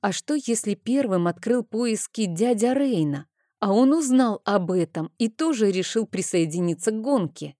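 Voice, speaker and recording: A woman narrating a first-person fantasy audiobook in a measured, expressive reading. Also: mid-range voice, no echo, clean studio sound.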